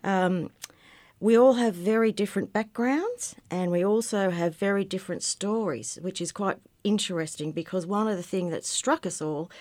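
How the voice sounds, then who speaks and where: A woman's voice: medium pitch, moderate pace, darkish tone, no room sound. A woman over fifty, speaking candidly as a guest on a community radio talk show. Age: 50s. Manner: candid, conversational. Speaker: guest, peer educator. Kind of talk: casual radio interview.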